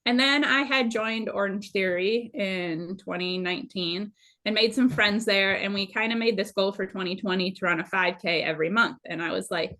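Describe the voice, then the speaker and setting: A guest runner, a woman in her late thirties from Minnesota, recounts her running story in a casual interview, bubbly and self-deprecating. Her voice is medium in pitch with a sharp tone.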